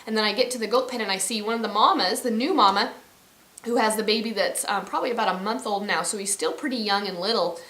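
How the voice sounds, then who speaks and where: Bright-voiced rambling ranch woman. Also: medium pitch, fast, reverberant. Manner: rambling, self-correcting storyteller. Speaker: ranch vlogger. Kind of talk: casual storytelling to camera. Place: outdoors on a ranch.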